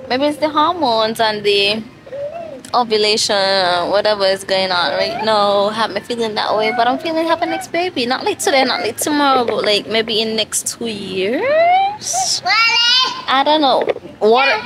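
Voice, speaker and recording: A woman's voice: fairly high pitch, sing-song, moderate pace, a crowd in the background, low-quality recording. A woman, tipsy from a drink, rambling and confiding to her phone camera in a casual vlog. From Saint Kitts and Nevis. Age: late 20s. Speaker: vlogger.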